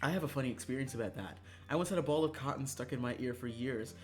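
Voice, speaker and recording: Over background music, a man streams a visual novel and chats casually with his viewers, animated, emphatic and full of swearing. His voice sits in the mid-range and moves fast.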